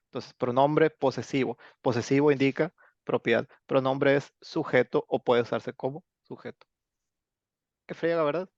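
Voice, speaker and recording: A gravelly-voiced Mexican man explains grammar to his online class, chatty and full of filler words. His voice is dry and close, and the audio is dull and lo-fi. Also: mid-range voice, darkish tone, dry recording. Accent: Mexican Spanish. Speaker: English teacher.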